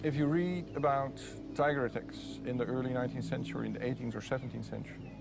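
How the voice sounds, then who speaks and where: A man's voice: mid-range voice, fairly even intonation, fast, loud music behind the voice. A man speaking as an expert in an unscripted documentary interview, hesitant and often repeating words. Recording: clear background ambient noise.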